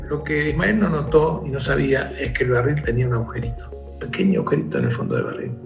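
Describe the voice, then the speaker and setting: Man, gravelly voice, animated storyteller, soft music behind. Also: medium pitch. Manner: animated, acts out shouted calls in the story. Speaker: guest storyteller. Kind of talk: conversational storytelling.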